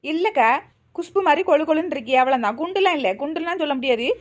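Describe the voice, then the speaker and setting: A high, quick voice plays a put-upon young woman in a cartoon, acted by a woman. She grumbles and complains at a fast clip in a Kanyakumari Tamil accent. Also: animated. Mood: grumbling. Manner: complaining, whiny. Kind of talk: cartoon voice acting.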